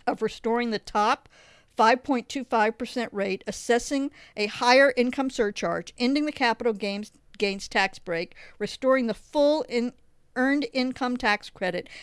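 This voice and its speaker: A woman's voice: a little high, clear, resonant tone, no room sound. A woman hosting a political podcast, reading articles aloud and adding hesitant asides full of fillers. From Oklahoma. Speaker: podcast host.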